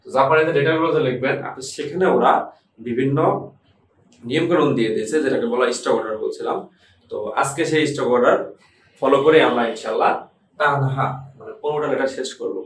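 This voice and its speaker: A man teaching a hiragana lesson at a board, patiently repeating each letter slowly as he writes. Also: medium pitch, distant mic. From Bangladesh. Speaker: Japanese language teacher. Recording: echoey room, voice from off the mic.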